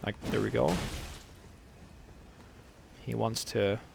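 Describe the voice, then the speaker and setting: A man with a dry, gravelly throat giving rambling, casual commentary over his own game duels. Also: on the low side, takes it slowly, faint music behind. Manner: rambling, relaxed, many fillers. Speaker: gameplay commentator.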